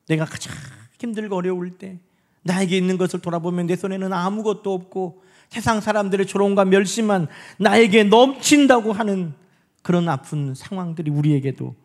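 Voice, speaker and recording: A male pastor delivers a sermon in a church in a notably high voice. He keeps turning to the congregation with rhetorical questions. He drags out the key words of scripture for emphasis. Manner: slows down to stress scripture phrases. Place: church sanctuary.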